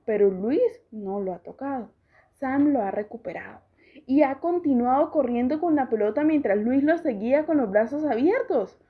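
A woman reading a children's story aloud, slowly and expressively. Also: fairly high pitch. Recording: dull lo-fi recording.

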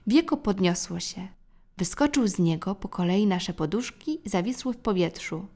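Gravelly woman reading a storybook. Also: mid-range voice, animated, normal speed, dark tone. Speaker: narrator.

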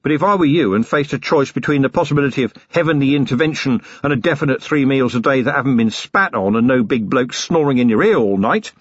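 A shrewd, weary police commander, as a man reads him, coaxing and patiently ironic, the voice a bit husky with a lively lilt. Dry, slightly dull audiobook sound. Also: medium pitch, fast talker, hardly any pauses, no echo, voice pushed up, close to an everyday voice.

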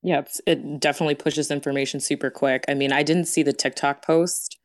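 A community member chatting casually in an online Q&A, telling a short story in a relaxed way. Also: medium pitch, a little fast. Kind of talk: casual conversation.

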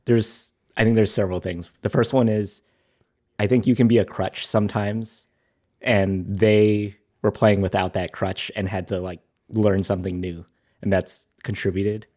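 A man with a gravelly voice worn from talking, chatting casually as a podcast co-host and halting as he thinks aloud. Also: fairly low pitch, steady tone, darkish tone. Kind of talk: casual chat.

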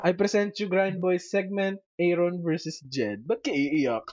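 A man's voice: high voice, unhurried, a little mellow, lo-fi sound, slight background noise. A young Filipino man co-hosting a podcast, teasing his friends, laughing often and repeating his jokes. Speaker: podcast co-host. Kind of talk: casual chat.

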